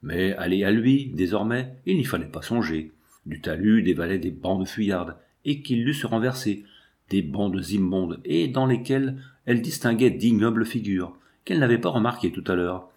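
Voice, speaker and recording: A man reading a novel aloud in a measured, dramatic narration. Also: on the low side, a little mellow. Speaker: audiobook narrator. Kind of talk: scripted literary narration.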